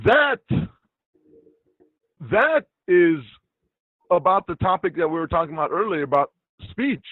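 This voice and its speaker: A man's voice: a little high, no room sound. A man from Iraq, an interview guest, talking bluntly and swearing freely. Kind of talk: casual interview talk. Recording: dull lo-fi dry sound.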